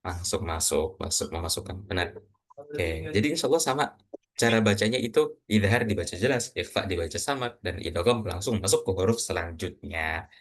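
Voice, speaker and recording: Patient low-voiced Quran reading teacher. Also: male voice, animated. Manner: patient, asks students questions, models recitation slowly. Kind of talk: online class teaching.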